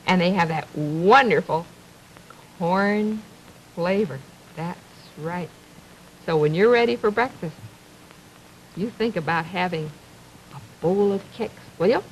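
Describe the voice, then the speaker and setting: A woman presenting a 1950s children's television show, talking to young children in simple phrases with many questions and a gentle, drawn-out sing-song delivery. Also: on the low side. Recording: noisy 1950s television archive recording.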